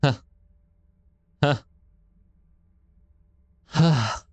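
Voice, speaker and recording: A young man's slightly rough, a little high voice moves extremely slowly as he offers jokey, nervous horror game commentary, laughing often. He hosts a gaming channel, speaks with an Egyptian Arabic accent, and the recording has no echo.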